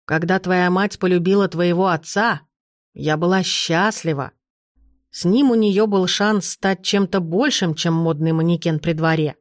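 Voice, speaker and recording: A woman voicing an elderly duchess grandmother, imperious and sharp-tongued, who talks in slow, commanding, clipped phrases. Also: fairly low pitch, fairly even intonation, dry recording, clean studio sound, natural voice. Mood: firm.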